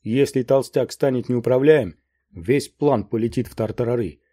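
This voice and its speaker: A man's voice: mid-range voice, normal speed, dark tone, no echo, studio quality, lightly acted. A man reading an audiobook, voicing a ruthless, jealous male gang leader who barks threats. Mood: threatening. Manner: barking, threatening.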